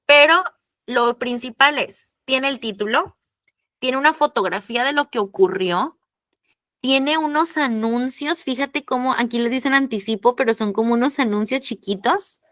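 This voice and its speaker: A woman's voice: high-pitched, normal speed, fairly bright tone, dry recording. A woman teacher, explaining a lesson in an online class, chatty and addressing the students directly.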